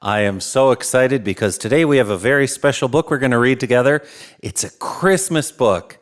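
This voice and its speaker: A man's voice: mid-range voice, lightly acted. A man playing a jolly, kindly old Santa Claus who reads to young children in an eager, emphatic storybook manner. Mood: jolly, excited. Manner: exclaiming, chuckling, drawn-out emphatic phrasing. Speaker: host of a children's read-aloud show.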